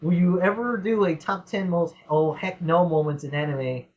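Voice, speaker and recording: A man's voice: on the high side, fairly even intonation, moderate pace, darkish tone, a little hiss or hum. A man hosting a casual podcast Q&A, rambling and laughing as he reads out listener questions. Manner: rambling, laughs often, swears. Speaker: podcast host. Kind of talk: casual Q&A chat. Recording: dull lo-fi sound.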